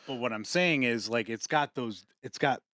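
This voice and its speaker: A man's voice: medium pitch, sharp tone, no room sound, clean studio sound. Rambling, swearing male podcast host. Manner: rambling, swears often, quick laughs. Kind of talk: casual chat.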